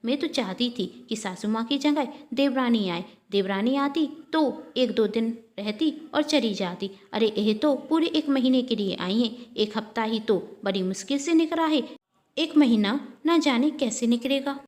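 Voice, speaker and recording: A woman's voice: a little high, unhurried, a little mellow, natural voice. A woman voicing a selfish young daughter-in-law who complains and gossips. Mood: complaining.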